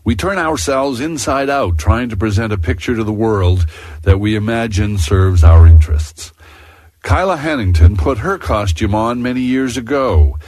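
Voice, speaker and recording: A male radio host reads a scripted introduction with a reflective, measured delivery. His voice is low and mellow. The studio sound is dry and close. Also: animated, no room sound.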